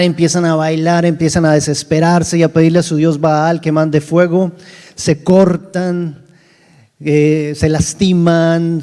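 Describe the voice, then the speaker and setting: Male pastor, mid-high mellow voice, animated sermon storytelling, long hall reverb. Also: clean tone. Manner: animated biblical storytelling with rhetorical questions to the congregation. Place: church service in a rented hall.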